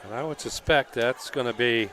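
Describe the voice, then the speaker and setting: A man giving conversational, explanatory color commentary on a live high school football game. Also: moderate pace, a bit bright, some chatter behind, a little hiss or hum.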